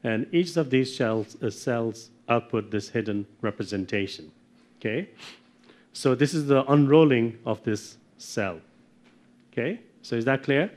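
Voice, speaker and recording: A middle-aged man giving a technical lecture from slides, often checking in with "okay?" and clearing his throat. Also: medium pitch, a little slow, darkish tone. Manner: explanatory, checks in with frequent "okay?". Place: darkened lecture room with projector screen.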